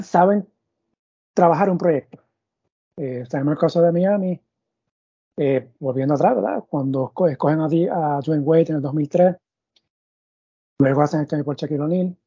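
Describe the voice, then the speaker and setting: In a conversational sports interview in Spanish, the podcast host rambles through lengthy questions, restarting often and filling gaps as he thinks out loud. He has a slightly rough, dark-toned voice pitched a little high. The audio sounds dry, dull and muffled.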